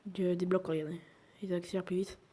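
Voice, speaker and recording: A woman's voice: fairly low pitch, flat delivery, fast talker, dark tone, husky. A young woman giving casual commentary over a video game she is playing, chatty, often dropping to a whisper as she plays. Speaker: gaming YouTuber.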